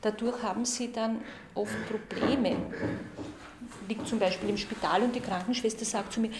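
A woman's voice: a little high, steady tone, moderate pace. A middle-aged woman with an Austrian accent who teaches hard-of-hearing students, patiently asking simple questions and repeating their answers. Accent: Austrian German. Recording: very echoey room with background noise.

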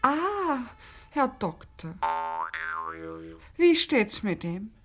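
A concerned, curious family woman in a radio play. Her pitch moves freely and her pace is slow, with faint music behind her. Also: big pitch swings, heavily acted.

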